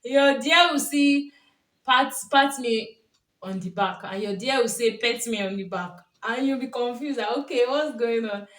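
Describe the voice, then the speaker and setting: This vlogger and coach is a young Yoruba-speaking Nigerian woman with a Nigerian accent who laughs a lot while telling stories and offering casual relationship advice to the camera. She speaks a little slowly in a voice on the high side and a bit bright. The mic is distant, so the sound is roomy.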